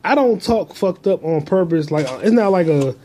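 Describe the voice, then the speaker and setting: A man's voice: high voice, animated, moderate pace, mellow, slight background noise. A man hosting a solo podcast, talking in a crude, rambling, profane way into a phone held in his hand. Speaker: podcast host. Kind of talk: casual solo monologue.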